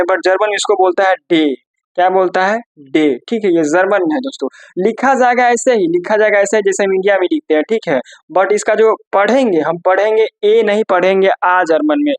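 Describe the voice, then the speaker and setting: A man's voice: high-pitched, no echo. A man teaching a casual lesson, often repeating himself and asking and answering his own questions. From India. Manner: repetitive, asks and answers own questions, spells letters slowly. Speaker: language teacher.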